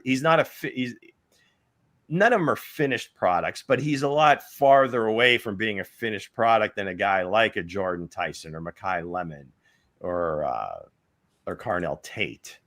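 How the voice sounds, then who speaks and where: Man, sports talk co-host, low voice, rambling analysis, casual. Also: moderate pace, fairly bright tone. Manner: rambling, thinking aloud with restarts.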